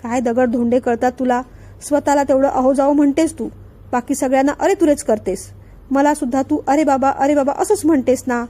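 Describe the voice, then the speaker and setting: Woman voicing a soft coaxing dad, warm low-key storybook read. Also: fairly even intonation, brisk, lightly acted. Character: gentle doting young father.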